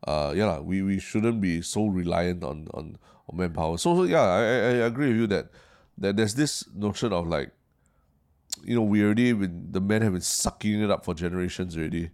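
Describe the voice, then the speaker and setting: A man with a deep voice and a Singaporean Singlish accent. He discusses things casually as a podcast co-host, choosing words carefully, with hesitations and repeated words. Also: fairly quick, a little mellow.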